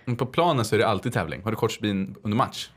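En kvinna som är med och leder en podd och ställer korta, pådrivande frågor i lättsamt samtal. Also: female voice, very deep voice, husky. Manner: short prodding questions. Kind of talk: casual chat.

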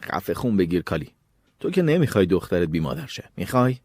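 A man's voice: low voice, big pitch swings, a little mellow, dry recording, full character voice. A man voicing a brutal, impatient escaped convict who snarls out threats in a storybook reading. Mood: threatening.

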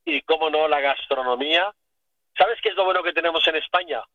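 A man's voice: fairly high pitch, fairly quick, no echo. Man from Catalonia on a dull phone line. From Catalonia, Spain. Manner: enthusiastic, expansive, repeats praise. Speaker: radio guest, finance professional. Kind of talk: casual radio chat.

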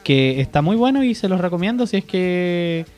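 Chilean male co-host, relaxed and reflective, pitched a little high. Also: normal speed. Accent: Chilean Spanish. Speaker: podcast co-host. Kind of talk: casual chat. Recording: faint music behind.

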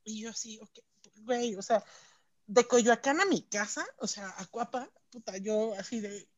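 A woman's voice: a little high, measured pace, a little mellow, highs cut off. Chatty Mexican woman, slangy storyteller. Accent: Mexican Spanish. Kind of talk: casual chat.

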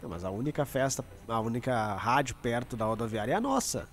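A man's voice: mid-range voice, quick pace. A man, co-hosting a comic radio show as the straight man who scolds and reads listener messages. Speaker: radio co-host.

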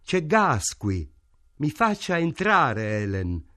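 An urgent young shop assistant with a hoarse cold, read by a man. His lines push up a little in pitch, and the sound is close and dry. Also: sing-song, takes it slowly, pushed and bright, dry recording, full character voice.

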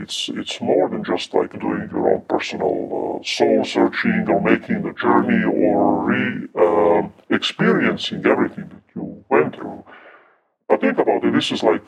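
Disguised deep-voiced man from Eastern Europe. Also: creaky, poor audio. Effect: voice electronically altered into a deep disguise to hide identity. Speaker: interview guest, cinematographer. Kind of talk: interview conversation.

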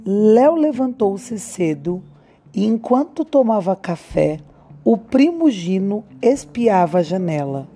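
A woman narrating an audiobook novel in a slow, measured storytelling manner. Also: medium pitch, very animated, warm tone, soft background music. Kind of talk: scripted narration.

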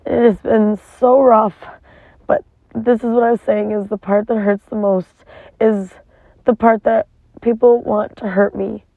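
A woman's voice: a little high, steady tone, a little slow, no echo. A woman talking in a casual, rambling, emotional confessional monologue with frequent swearing, recorded inside a parked car. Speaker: vlogger. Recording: tinny phone-like sound.

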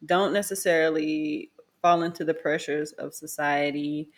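Low-voiced, frank woman podcast host. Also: fairly even intonation, normal speed. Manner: frank, laid-back, loose with fillers and laughs. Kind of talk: casual podcast chat. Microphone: video call.

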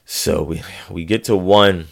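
A man's voice: low voice, a little slow, gravelly. A man hosting a podcast, telling a funny story casually and laughing as he goes. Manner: animated, laughing storyteller with voiced quotes. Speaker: podcast host.

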